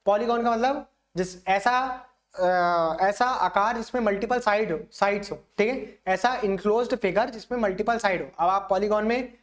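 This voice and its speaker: A young man teaching exam vocabulary, explaining each word with everyday examples and asking the class often if it is clear. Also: high-pitched, normal speed. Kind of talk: vocabulary lesson.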